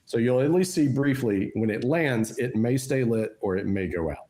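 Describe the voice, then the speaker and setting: A man's voice: mid-range voice, expressive, moderate pace, dark tone. A man running a tabletop role-playing game as game master, explaining rules and describing scenes patiently with many fillers and restarts.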